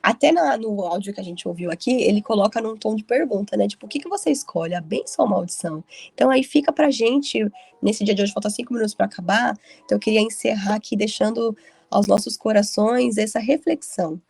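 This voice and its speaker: A woman's voice: medium pitch, fairly quick, vocal fry, darkish tone, breathy edge, no room sound. A woman leading a casual group Bible study, telling stories in a chatty way with frequent tag questions. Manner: chatty storytelling with frequent "né" tags.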